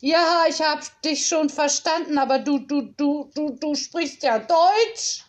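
Woman voicing a female school official, strict, reproving, brisk, high voice, storybook reading. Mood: stern.

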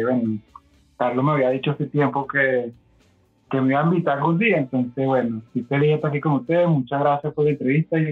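A man's voice: medium pitch, breathy edge. A Venezuelan man, a podcast guest, telling his story in a rambling, casual way with many fillers and restarts. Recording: tinny phone-like line.

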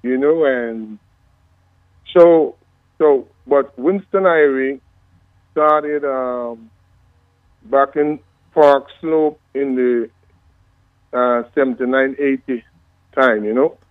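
Man, from Guyana, 50s, phone guest, devout and thankful, unhurried, tinny phone line, dry. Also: medium pitch, dry recording. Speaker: reggae singer, phone-in guest. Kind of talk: relaxed storytelling interview.

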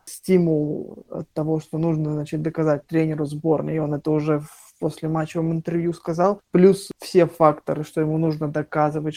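A man giving a halting post-match football analysis, with many fillers and restarts. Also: fairly high pitch, mellow, no room sound. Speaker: football pundit.

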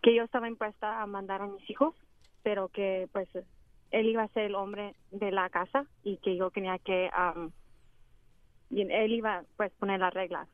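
A middle-aged woman phones in to a radio show for a personal conversation, sounding hesitant and pleading. Her medium-pitched voice is steady and moves at a normal speed. The phone line is narrow and tinny, with no room sound.

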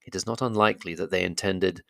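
A man narrating a classic fantasy novel as an audiobook, with a steady, measured storytelling delivery. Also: sits low, vocal fry, no room sound. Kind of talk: audiobook reading.

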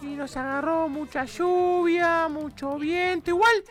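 A woman's voice: very high voice, slow, faint music behind. A woman voicing a friendly little storyteller character on a children's show, with an Argentine accent. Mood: earnest, chatty. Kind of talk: kids show character chat.

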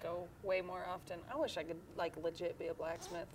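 A woman in her twenties chatting casually with friends, quick to toss in jokes. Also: on the low side, little pitch movement, husky. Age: 20s. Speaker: podcast co-host. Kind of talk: casual chat. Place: room shared with the other hosts.

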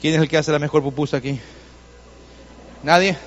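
A man's voice: on the high side, fairly even intonation, brisk, in a large hall, muffled recording, a little hiss or hum. A man preaching a sermon as a pastor, telling stories conversationally and pressing his points with repetition. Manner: conversational storytelling, insistent repetition. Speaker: Adventist pastor.

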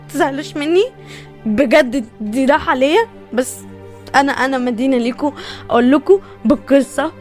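A woman voicing a young Egyptian woman who stutters and speaks hesitantly and quietly in a recorded message. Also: sits high, fairly quick, faint music behind, lightly acted. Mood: somber.

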